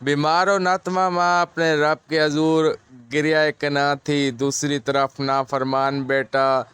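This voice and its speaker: A man, narrating a moral story in a measured, earnest way. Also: fairly high pitch, fairly bright tone, smooth, dry recording.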